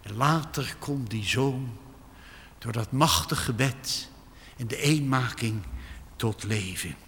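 A man preaching a sermon with emphatic delivery, rising to loud exclamations. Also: mid-range voice, takes it slowly. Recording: long hall reverb.

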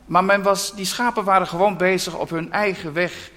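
A man preaching a sermon to a congregation, earnest and measured, reading from scripture and telling stories. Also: high voice, in a large hall. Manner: earnest, measured preaching with Bible readings, warming to animated storytelling. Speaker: pastor.

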